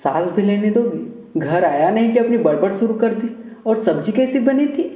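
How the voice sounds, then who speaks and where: A man's voice: high voice, expressive, moderate pace, warm tone. A man voicing an irritable young husband who scolds in a harsh tone. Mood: irritated. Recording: roomy echo.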